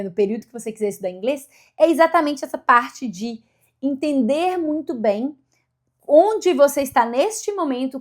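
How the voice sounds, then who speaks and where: A woman, chatting casually to camera in a vlog and often correcting herself mid-sentence. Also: sits high. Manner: chatty, self-correcting, upbeat. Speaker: vlogger.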